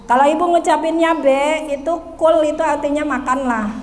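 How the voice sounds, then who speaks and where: A woman teaching Quranic letter pronunciation, patiently drilling her students and chanting verses slowly. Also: high voice. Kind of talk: tajwid pronunciation lesson. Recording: roomy hall reverb.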